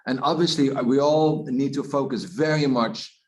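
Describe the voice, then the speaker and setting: Male executive keynote over video call, hesitant delivery, ordinary pitch. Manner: halting, many uh fillers. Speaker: keynote speaker, organization head. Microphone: video call microphone.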